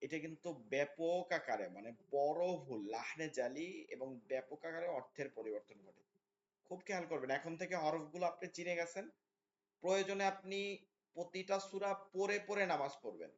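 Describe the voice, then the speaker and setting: Male recitation teacher, patient and repetitive drilling, slightly high voice, dull low-fidelity audio. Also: a little hiss or hum. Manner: drills letter sounds by slow repetition; explains patiently, addressing students directly. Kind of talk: online class lesson. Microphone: online class audio.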